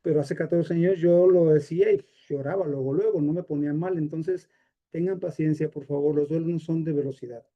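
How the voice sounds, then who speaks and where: A man's voice: fairly high pitch, fairly even intonation, a little fast, dull audio. A man with a Mexican accent teaching a live workshop on grief, talking in a conversational way with many fillers and personal examples. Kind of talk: live masterclass lecture.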